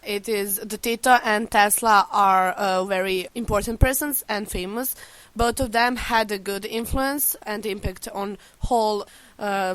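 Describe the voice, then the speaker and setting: A woman's voice: medium pitch, no room sound, poor audio. Teenage girl, dry close sound. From Serbia. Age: teens. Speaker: interviewee. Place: outdoors.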